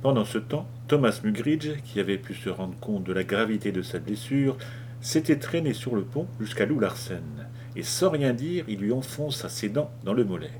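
A man narrating an audiobook with measured, dramatic delivery. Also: lowish voice, very animated, darkish tone, a little hiss or hum. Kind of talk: audiobook reading.

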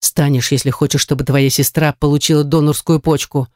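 A reader voicing a cold, scheming male kidnapper in an audiobook, with a low and curt delivery. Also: level tone, a little fast, darkish tone, no echo, studio quality, natural voice. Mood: menacing. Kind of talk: audiobook character reading.

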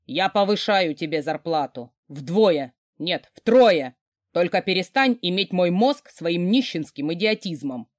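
A woman's voice: on the low side, expressive, normal speed, no room sound, clean studio sound, lightly acted. Woman doing a barking, mocking rich boss. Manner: gruff, barking, mocking orders. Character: overbearing wealthy man, a giant of a boss, mocking.

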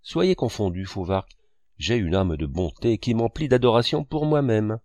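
A man's voice: on the low side, expressive, moderate pace, darkish tone, no room sound, clean studio sound. A man reading the lines of a tormented, grandiose man who believes he is Christ, pouring out feverish pleas. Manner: pleading, feverish outpourings. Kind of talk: audiobook reading.

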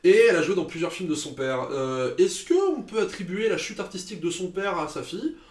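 A man's voice: high-pitched, animated, brisk, roomy sound. A man co-hosting a casual podcast about films, talking in an opinionated, chatty way with frequent fillers. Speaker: podcast co-host. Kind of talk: casual film chat.

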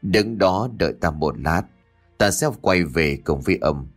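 A man voicing a calm, stern middle-aged male exorcist monk who speaks in a slow, solemn, measured way. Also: low voice, soft background music, pitched below the performer's own voice.

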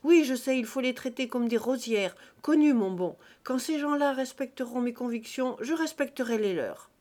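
A woman voicing a domineering, boastful man who mocks and declaims loudly in a read-aloud story. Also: on the high side, a little slow. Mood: scornful. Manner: loud, exclamatory and mocking.

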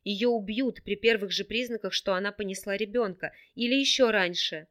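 A woman's voice: mid-range voice, moderate pace, a bit bright, natural voice. A woman voicing a curt, irritable young nobleman in an audiobook reading. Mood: impatient. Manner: curt, clipped, impatient.

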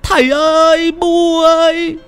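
A man voicing an old woman in an audio story, crying out and begging for mercy in a shrill wail. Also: flat delivery, slow, soft background music, exaggerated voice. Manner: shrill pleading cries, shouting. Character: wailing old woman being beaten, begging.

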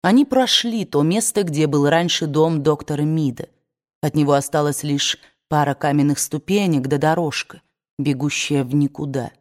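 A woman narrating a novel in a measured, expressive reading. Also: low-pitched. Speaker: audiobook narrator. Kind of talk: scripted narration.

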